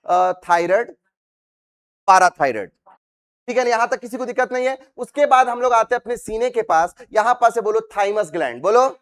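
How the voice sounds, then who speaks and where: Man, high voice, classroom science lecture, call-and-response questions, teasing students. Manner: repeats questions to the class and has students recite terms; calls students "babu", teasing and scolding them. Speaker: science teacher.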